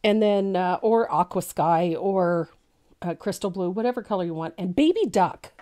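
In her sixties, this woman has a mellow tone that's congested and gravelly, and she speaks expressively at a moderate pace. She hosts a casual live painting tutorial from her indoor home craft studio, chatty and warm-hearted, laughing often and saying um a lot into a boom-mounted studio mic.

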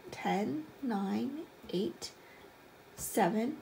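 High-voiced young woman, kids show host style. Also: lively intonation, very slow, dark tone, poor audio. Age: 20s. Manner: addresses children in simple, encouraging questions, like a kids show host. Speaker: elementary math teacher. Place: small room at home, indoors. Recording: clear background noise, room ambience.

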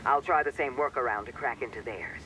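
A man playing a calm male ship crew member in a video game, speaking steadily and giving advice. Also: medium pitch, a little fast, a crowd in the background, lightly acted. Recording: game audio under music.

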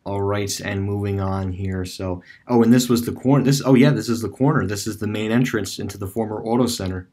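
A man's voice: lowish voice, fairly quick, few pauses, a little mellow. A man giving rambling, casual voice-over commentary on a screen-recorded map tour, with many fillers and restarts. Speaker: video creator touring a closed store on street view.

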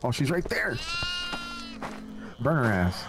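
A man's voice: medium pitch, big pitch swings, slow, very noisy. A man playing a co-op game, chatting casually and swearing. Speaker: co-op game player.

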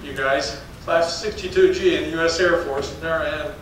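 An older man with a fairly high voice talks a little quickly as he gives a public slide lecture on geology, telling folksy, anecdotal stories and chuckling between them. He's in a darkened lecture hall full of people, picked up by a distant mic in a very echoey space with faint noise.

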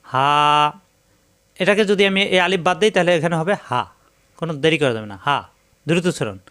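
A man with a high-pitched voice teaches a step-by-step recitation lesson. He speaks patiently and repeats each rule and letter sound over and over so students can memorize them. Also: sing-song, very fast, fairly bright tone. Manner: patient and repetitive, drilling rules and letter sounds.

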